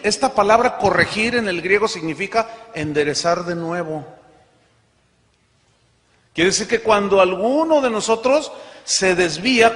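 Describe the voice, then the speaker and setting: A man preaching a sermon, reading scripture loudly and dropping to soft asides. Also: sits high, big-room sound. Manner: emphatic, swings between loud scripture reading and soft asides. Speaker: pastor.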